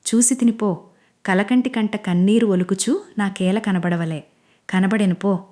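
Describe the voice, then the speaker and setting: Brief: woman reading a teasing young man in pompous royal style, slow theatrical recital, mellow tone. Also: mid-range voice, close to an everyday voice. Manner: slow, grandly theatrical delivery.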